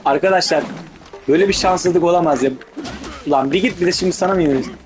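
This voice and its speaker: A man doing casual gameplay commentary in street slang, swearing heavily and given to excitable, urgent outbursts. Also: fairly high pitch, fast. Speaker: gaming video host.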